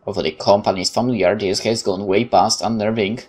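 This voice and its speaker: Reading visual novel narration out loud, this Polish-accented male game streamer sounds fairly low and moves briskly. He reads expressively, stumbling now and then and adding short remarks.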